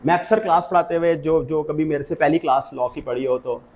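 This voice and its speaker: A man's voice: fairly high pitch, fairly quick, darkish tone. Pakistani man lecturing on law. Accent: Pakistani Urdu. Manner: explains step by step, mixing English legal terms.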